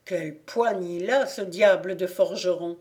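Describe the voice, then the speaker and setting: A woman reading the part of a sly, stubborn old peasant man who mutters to himself, in a slow storybook reading. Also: sits high, darkish tone. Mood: grumbling.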